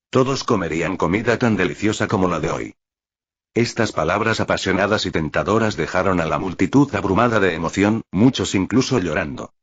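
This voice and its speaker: A man narrating a light novel in an even, steady storytelling manner. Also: deep voice, slightly rough. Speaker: audiobook narrator. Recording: dull lo-fi recording.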